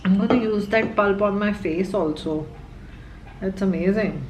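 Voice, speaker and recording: A young woman vlogging in a casual, excitable chat, talking while she eats. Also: medium pitch, a little slow, background noise. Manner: chatty and excitable, talks while eating. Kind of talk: casual vlog chat, mixing Hindi and English. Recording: echoey room, slightly dull lo-fi sound.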